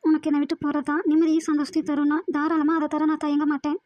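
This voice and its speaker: A woman's voice: sits high, completely flat delivery, quick pace, darkish tone, no room sound, close to an everyday voice. Woman voicing a hurt, pleading young woman. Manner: pleading, emotional, insistent. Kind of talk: animated drama voice acting.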